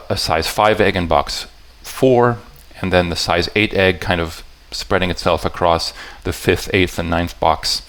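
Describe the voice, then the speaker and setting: A man's voice: low-pitched, a bit bright. A man giving an explanatory talk to a live audience about puzzle patterns, often stopping to restart and rephrase his sentences and checking in with listeners. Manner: halting and self-correcting, stops to restart sentences; talks directly to the audience with checking questions.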